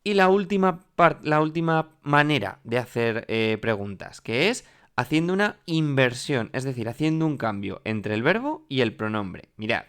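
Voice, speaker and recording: A male teacher whose first language is Spanish walks students through a French grammar lesson. His voice sits at an ordinary middle pitch, and he leans on rising emphasis to mark key words. He often checks in with the class as he explains. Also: very animated, moderate pace, a bit bright, clear, resonant tone. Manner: explanatory, repeats "¿vale?" and "mirad" often.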